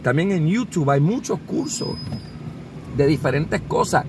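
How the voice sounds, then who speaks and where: Animated Puerto Rican man talking while driving. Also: a little high, a little slow. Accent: Puerto Rican Spanish. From Puerto Rico. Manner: animated, mixes English words into Spanish. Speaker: vlogger and consultant. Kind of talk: casual advice talk while driving. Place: inside a car on a city street. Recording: car with road noise. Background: traffic and car noise.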